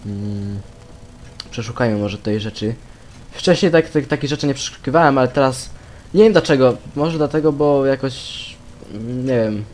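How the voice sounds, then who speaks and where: A young man giving casual commentary over a stealth game he is playing, rambling to himself, swearing and sometimes bursting into loud shouts. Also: medium pitch, normal speed, a little hiss or hum. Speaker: let's play gamer.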